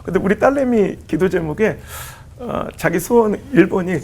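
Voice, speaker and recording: A middle-aged man from the Chungcheong region, a pastor telling lively, laughing stories and acting out quoted lines on a church talk show. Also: high-pitched, moderate pace. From Chungcheong region, South Korea. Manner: animated, laughing storytelling that acts out quoted lines.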